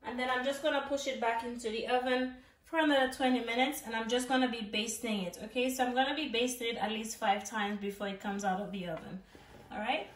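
A chatty woman with a fairly high voice walks viewers through a recipe in her home kitchen. She keeps checking in as she goes, and her voice is picked up from a distance in an echoey room. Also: steady tone, fast. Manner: chatty, ends phrases with "okay?". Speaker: cooking channel host. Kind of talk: casual cooking tutorial. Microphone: off-camera camera mic, overhead framing.

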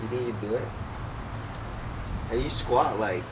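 A man's voice: mid-range voice, a little slow. A young American man bantering casually, complaining and nervous, in an informal vlog. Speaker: partner in a vlog challenge. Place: residential backyard, outdoors. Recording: distant, very noisy windy outdoor audio.

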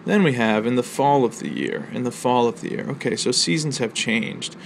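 Man, college instructor, gravelly voice, measured explanatory lecture, faint traffic outside. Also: medium pitch. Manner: measured, explanatory, with thinking pauses and fillers. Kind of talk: recorded literature lecture. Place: outdoors near a library.

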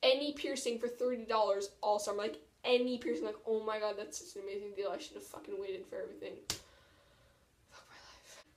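A woman's voice: medium pitch, steady tone, fast, hardly any pauses. A teenage woman chatting casually and self-deprecatingly to camera as a vlogger, in an informal way. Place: small tiled washroom at home, indoors. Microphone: camera propped about arm's length away. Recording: echoey bathroom, distant mic.

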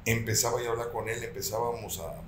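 A middle-aged man with a Mexican accent, a guest telling a personal story in a lively way, acting out the voices in it. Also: medium pitch, fast talker. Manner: animated storyteller, acts out quoted voices. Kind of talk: casual interview storytelling. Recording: roomy echo, faint background noise.

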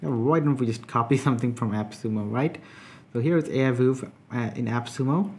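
A man giving a relaxed, conversational software tutorial, talking through each step with frequent filler words. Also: medium pitch, fairly quick, a little hiss or hum. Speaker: software reviewer. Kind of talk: casual screen-recorded tutorial.

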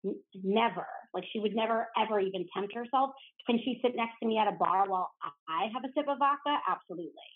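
A New Jersey woman guesting on a podcast chats freely in a casual interview, sprinkling in lots of "like." Her mid-range voice moves fast with few pauses, over a tinny, phone-like line.

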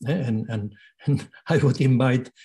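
A Catalan-accented man in his sixties lectures as a guest from his home study over a video call, picked up by a laptop webcam. His medium-pitched, warm voice moves a little slowly, hesitant and full of fillers and restarts.

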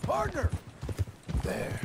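An actor playing a gruff outlaw cowboy in a video game, murmuring softly and affectionately to his horse in a slow, low drawl. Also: background noise. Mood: tender.

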